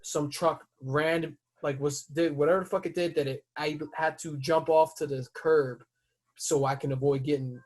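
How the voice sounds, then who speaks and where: A man hosting a podcast who tells a story in casual chat. He swears freely and breaks into loud, heated outbursts as he retells it. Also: a little high, fairly even intonation, normal speed. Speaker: podcast host.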